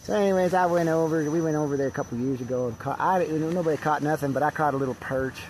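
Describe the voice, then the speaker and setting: A man's voice: on the high side, fast talker, darkish tone, rough recording. An older man vlogging outdoors at a campsite on a handheld camera, rambling and profane, stumbling over restarts. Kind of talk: rambling casual vlog. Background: faint wind and birds.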